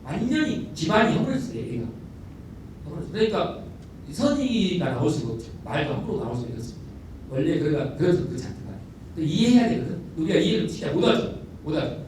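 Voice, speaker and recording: A middle-aged man, a school principal telling stories in a lecture, animated and repeating words for emphasis, recorded from a distant mic in a large lecture hall. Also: a little high, fast. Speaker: elementary school principal giving a talk. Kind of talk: storytelling lecture. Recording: echoey hall, distant mic, faint noise.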